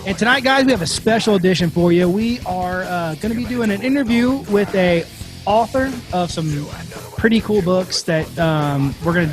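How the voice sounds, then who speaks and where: A man hosting a casual podcast, talking in halting bursts full of fillers. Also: sits high, over music. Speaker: podcast host.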